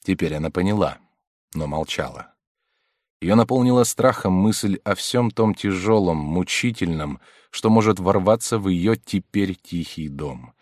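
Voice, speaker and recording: A man narrating a classic novel in a measured, expressive storytelling manner. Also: low-pitched, dry recording, studio quality. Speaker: audiobook reader. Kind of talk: scripted literary narration.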